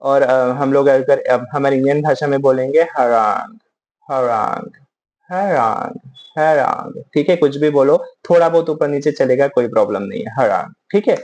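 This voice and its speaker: A man's voice: medium pitch, a little fast, hardly any pauses, mellow. A man with an Indian English accent teaching vocabulary in a casual, chatty way, with many fillers.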